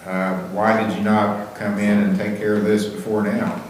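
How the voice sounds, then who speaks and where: A man's voice: lowish voice, level tone, moderate pace. A man speaking as a judge, questioning a defendant in a formal, matter-of-fact, procedural way in a courtroom. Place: echoey courtroom. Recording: very echoey room, faint noise.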